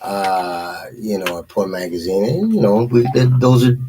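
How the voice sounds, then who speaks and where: A man's voice: lowish voice, sing-song, fairly quick, noisy background. A man hosting a casual interview show in a laid-back way, often calling people "brother". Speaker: host.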